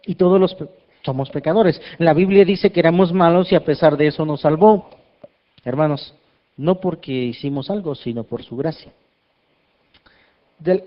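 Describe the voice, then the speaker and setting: Lively pastor, lo-fi sound. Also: male voice, a little high, normal speed. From Mexico. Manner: lively, asks the congregation questions, self-mocking humor. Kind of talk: sermon. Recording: dull lo-fi sound.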